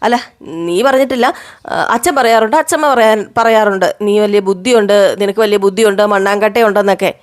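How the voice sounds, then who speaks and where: A woman's voice: mid-range voice, fairly even intonation, quick pace, natural voice. A woman voicing a flustered, naive young wife who is easily startled.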